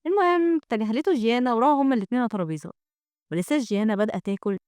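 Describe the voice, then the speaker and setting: A woman with an Egyptian accent narrates a comic summary, rattling along at great speed in a chatty storytelling manner. Her voice is somewhat high. The sound is dry and close to the mic. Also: animated, rapid-fire, darkish tone, clear, resonant tone, no echo. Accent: Egyptian Arabic.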